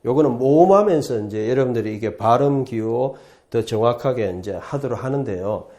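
Male professor, relaxed and mellow, loose repetitive classroom delivery. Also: mid-range voice, a little fast. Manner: chatty, repetitive, often starts with "자" and "예". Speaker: Hebrew professor teaching the alphabet. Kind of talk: casual classroom lecture.

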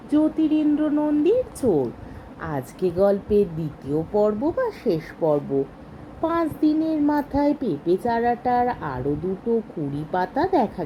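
A woman reading a short story aloud in a slow, measured way with expressive rises. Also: medium pitch, highs cut off, slight background noise.

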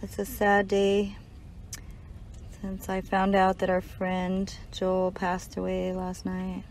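A woman amateur medium calling out short questions to spirits, leaving pauses as she waits for answers. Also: mid-range voice, completely flat delivery, darkish tone. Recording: clear background noise.

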